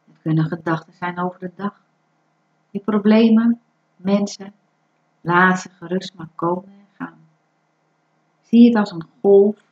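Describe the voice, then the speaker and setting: A woman leads a guided breathing meditation with slow, unhurried phrasing. Her manner is calm and instructive, and the recording sounds dull and lo-fi. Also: medium pitch.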